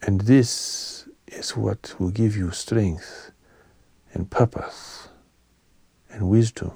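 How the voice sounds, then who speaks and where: A man giving a spiritual sermon as a teacher, calm, gentle and solemn, in measured short phrases, his soft voice turning breathy at phrase ends. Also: fairly low pitch, no room sound.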